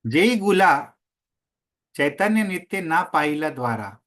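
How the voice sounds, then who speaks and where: A man teaching a scripture class, slowly chanting verses and then explaining them line by line. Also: a little high, very animated, fairly bright tone.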